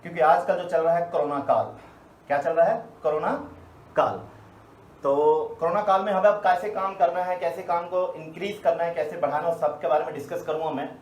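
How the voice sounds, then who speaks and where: A man's voice: a little high, steady tone, fairly quick. A man giving a live motivational training session to his team, telling stories and asking rhetorical questions. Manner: storytelling, rhetorical questions, emphatic. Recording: echoey room, faint ambience.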